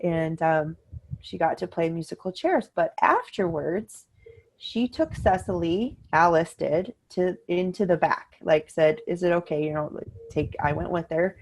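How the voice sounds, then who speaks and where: A middle-aged woman chats casually as a podcast co-host, her speaking voice sitting a little low. She tells her story with energy and jumps up into a higher voice whenever she quotes someone. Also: animated, a little slow, a little mellow, slight background noise. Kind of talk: casual chat.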